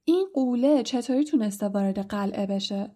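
A woman's voice: medium pitch, lightly acted. A woman voicing a brave, curious eleven-year-old schoolboy in a storybook reading, speaking urgently. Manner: urgent, sometimes hushed.

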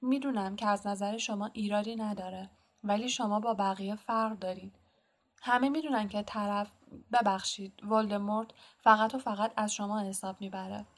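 A woman's voice: medium pitch, steady tone, natural voice. A woman voicing a stern, anxious older female witch professor in an audiobook, talking earnestly and pressing with questions. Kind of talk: audiobook character reading.

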